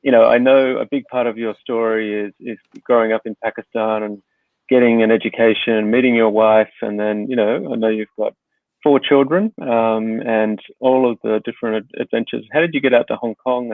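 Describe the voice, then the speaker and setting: Gravelly-voiced man hosting over a tinny line. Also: mid-range voice, normal speed, dry recording. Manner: relaxed, rambling with many fillers. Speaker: podcast host. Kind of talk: casual conversational interview. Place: home in Hong Kong. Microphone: video call. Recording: dry, tinny phone-like line.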